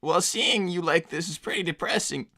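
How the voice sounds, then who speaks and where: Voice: medium pitch, normal speed, pushed and bright. A performer playing Tails, an anxious, exhausted teenage fox boy, hesitant and stammering while hosting an improvised livestream. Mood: weary, flustered. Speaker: live stream host reading donations.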